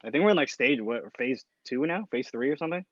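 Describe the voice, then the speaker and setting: A man's voice: mid-range voice, expressive, fast, fairly bright tone, no room sound. A young man joins a friendly podcast chat, tossing in crude jokes between answers. His mic sounds dull and dry. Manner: joking, crude. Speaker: podcast cohost. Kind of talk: casual group chat.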